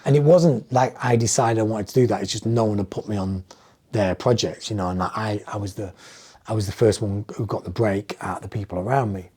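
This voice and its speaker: A husky, fairly quick, lowish male voice comes from a middle-aged English music producer with an English accent. As a guest on a casual podcast, he tells animated stories and plays out the dialogue of the people in them.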